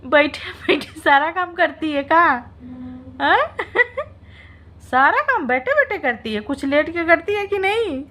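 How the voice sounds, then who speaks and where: A woman's voice: extremely high pitch, sing-song, slow pace, a bit bright. A woman vlogger in a casual reaction video, teasing and mocking, often breaking into laughter and mock-dramatic wailing.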